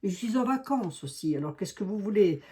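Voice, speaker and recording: A woman's voice: mid-range voice, animated, a little fast, dark tone, slightly rough. An older woman with a Lorraine accent, a tarot reader chatting casually to her viewers in a rambling way, full of asides. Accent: Lorraine French.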